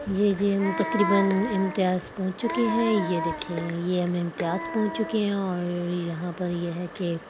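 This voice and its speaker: A young woman, chatting casually through a vlog, with many fillers and asides. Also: mid-range voice. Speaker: vlogger. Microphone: phone. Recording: muffled phone audio with background noise.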